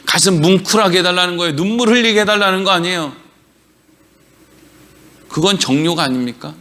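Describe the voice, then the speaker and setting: High, bright-voiced male pastor preaching. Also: a little fast. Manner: emphatic, acts out prayers in mocking voices. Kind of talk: sermon. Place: church.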